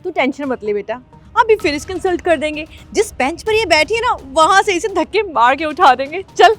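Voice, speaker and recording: Actress as a very high-voiced, bossy, mocking snob mother, faint music under. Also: big pitch swings, normal speed. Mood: scornful. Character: rude snobbish mother, middle-aged woman. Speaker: actor in a comedy sketch.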